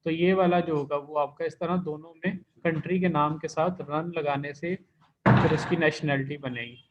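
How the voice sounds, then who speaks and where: A man's voice: on the high side, fairly even intonation, normal speed, background noise. A man teaching an online language class, explaining patiently step by step and repeating key terms. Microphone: computer mic in an online class. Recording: dull lo-fi online class recording.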